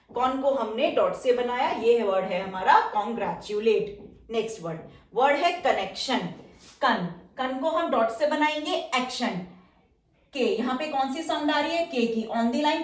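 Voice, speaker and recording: High-voiced woman teaching in an echoey room. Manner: patient, repeats each word slowly as she writes it. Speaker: shorthand teacher. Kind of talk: explaining step by step while writing outlines. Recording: roomy echo, mic somewhat distant.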